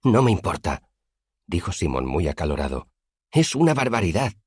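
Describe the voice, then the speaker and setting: A man voicing an earnest young male student who speaks bluntly and heatedly in an audiobook, with a husky voice. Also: on the low side, expressive, moderate pace, a little mellow, no echo, clean studio sound, pitched above the performer's own voice. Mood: indignant. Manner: heated, complaining.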